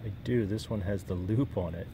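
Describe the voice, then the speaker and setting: Low, gravelly man narrating outdoor finds. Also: moderate pace. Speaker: metal detecting host. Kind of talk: casual field narration of finds. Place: outdoors in a wooded park. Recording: clear outdoor background noise.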